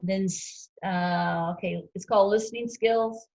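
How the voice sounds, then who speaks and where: A woman instructor lecturing a ski patrol class, relaxed and conversational, quizzing students as she goes. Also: medium pitch, a little slow, vocal fry, poor audio. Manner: relaxed, conversational teaching with fillers and quizzing questions.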